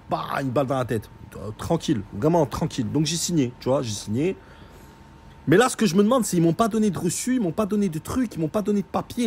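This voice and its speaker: Young man, husky voice, sarcastic casual storytelling, mocking tone. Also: fairly high pitch. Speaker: vlogger telling a story.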